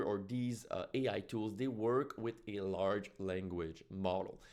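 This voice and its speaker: A man with a French Canadian accent, a native French speaker, giving an explanatory tutorial as a trainer in an informal way, often checking in with "right?". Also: lowish voice. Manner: informal teaching with frequent "right?" check-ins. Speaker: software trainer and tutorial presenter.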